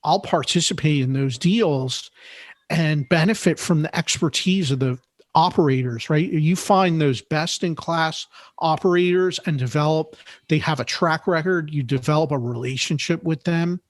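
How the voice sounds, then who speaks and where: Man, somewhat high voice, podcast guest, measured explainer, dry close sound. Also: no echo. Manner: measured, explanatory, repeats words while thinking. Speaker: podcast guest, note investor. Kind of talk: interview conversation.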